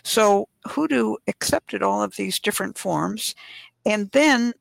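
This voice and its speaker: A woman hosting a talk show, laying out history in a relaxed, explanatory way. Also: mid-range voice, slow pace, gravelly, no room sound. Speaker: podcast host.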